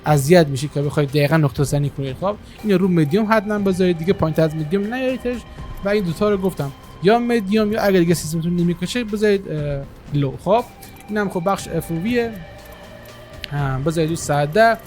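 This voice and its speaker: A man's voice: high-pitched, soft background music. A man hosting a gaming channel, talking casually at his computer through a game-settings tutorial, with many hesitations. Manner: relaxed, many filler hesitations. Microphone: single desktop microphone.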